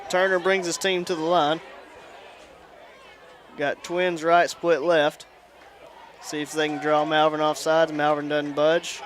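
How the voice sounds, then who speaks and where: A man's voice: on the high side, little pitch movement, unhurried, long pauses, a bit bright. A man giving live play-by-play commentary at an outdoor football game, with energy that rises on big plays. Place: outdoor high school stadium. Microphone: headset. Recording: crowd noise behind.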